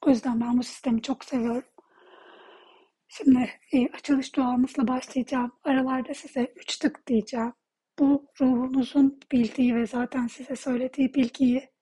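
A woman guides a healing session in a fairly high, soft voice. It is very airy and breathy, close to a whisper at times. She moves gently through short phrases, pausing between them, with a mellow tone. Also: rough recording. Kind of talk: guided meditation, soft-spoken.

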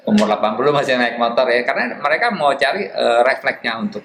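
A man speaks at an easy, unhurried pace as a guest in casual conversation, with a mid-range voice. The sound is roomy and echoey, with a faint ambient hum behind it. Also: medium pitch, expressive, fairly bright tone. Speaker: podcast guest, cyclist. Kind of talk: casual podcast chat.

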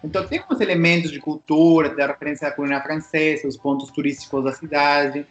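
Man in a casual chat, fairly high voice, explains things step by step, faint music. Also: steady tone, fast, muffled recording.

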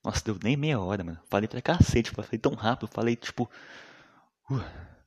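Slangy, rambling young man, low-pitched. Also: lively intonation, normal speed. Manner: slangy, profane, rambling, often trails off quietly. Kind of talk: casual rambling monologue.

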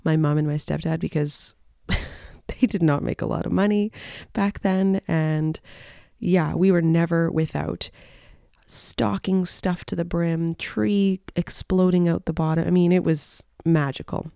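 Gravelly, dark-voiced woman, near tears. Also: lowish voice, steady tone, measured pace, no echo, studio quality. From Canada. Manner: nostalgic, tearful, rambling with many fillers. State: close to tears. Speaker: podcast host. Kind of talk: emotional personal monologue.

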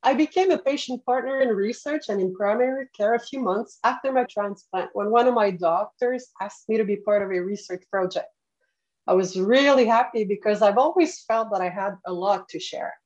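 A woman's voice: medium pitch, normal speed, darkish tone. French Canadian woman, slightly dull recording. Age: late 40s. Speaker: podcast guest, patient partner. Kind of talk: earnest interview answers. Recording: slightly dull, narrow-band sound.

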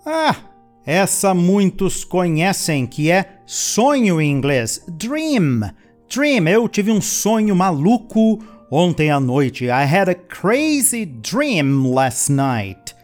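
A man teaching English vocabulary in a lesson, chatting casually in his explanations and slowly modelling sentences for learners to repeat, with playful asides. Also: sits high, big pitch swings, darkish tone, faint music behind. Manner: switches between chatty explanations and slow, careful model sentences. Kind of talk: language lesson with repeat-after-me drills.

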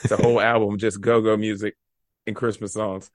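A man's voice: lowish voice, little pitch movement, fairly quick, no echo, studio quality. A man in casual podcast chat, speaking in a blunt, laid-back, slangy way. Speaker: podcast guest or co-host.

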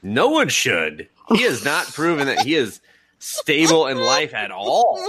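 A man's voice: mid-range voice, big pitch swings, measured pace, very noisy. A man in his thirties hosting a podcast in casual chat, joking around and slipping into silly voices. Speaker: podcast host.

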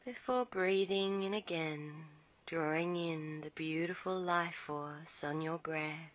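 Slow, soothing woman guiding meditation. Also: sits low. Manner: soft, slow, soothing delivery. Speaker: meditation guide. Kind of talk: guided relaxation meditation. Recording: dull lo-fi recording.

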